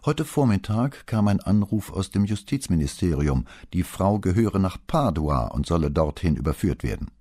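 Man doing a young woman secretary, worried and quick, raised voice, husky edge, dry sound. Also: low voice, sing-song, dark tone, dry recording, pitched above the performer's own voice, full character voice.

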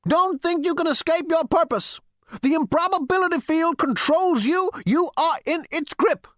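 A woman reading an audiobook, voicing a stern, weary old male ghost with a rasping voice who lectures and commands. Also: very high-pitched, normal speed, no room sound, clean studio sound, voice pushed up. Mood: commanding. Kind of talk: audiobook character voice.

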